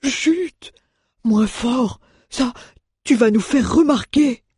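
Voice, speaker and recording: A woman's voice: fairly high pitch, takes it slowly, dark tone, breathy edge, no room sound, studio quality, pitched above the performer's own voice, full character voice. Woman doing a grumbling greedy dwarf. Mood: anxious hushing. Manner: grumbling, complaining. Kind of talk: audiobook reading.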